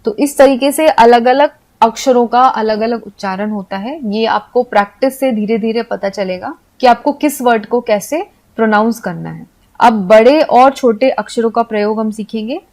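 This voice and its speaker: A woman with a somewhat high voice is teaching an English pronunciation lesson. She explains patiently and repeats each point with simple examples, in a steady classroom manner. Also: moderate pace.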